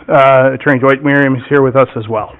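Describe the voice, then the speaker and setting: A man representing an applicant, giving a formal, methodical presentation at a public hearing and pausing often to check in with "okay?". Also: medium pitch, little pitch movement, slight background noise. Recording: muffled meeting-room recording.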